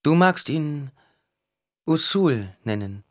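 A man's voice: a little high, sing-song, takes it slowly, no room sound, studio quality, voice pushed up, full character voice. Storybook woman, stern and wary, lifted voice, read by a man. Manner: sharp, worried.

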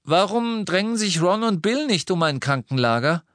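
Ein Mann, der in einem Hörbuch einen verletzten jungen Mann spricht, der gedehnt und trocken Witze macht. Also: male voice, high-pitched, very animated, normal speed, a bit bright, no room sound, voice pushed up. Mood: joking. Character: wounded young man, joking twin.

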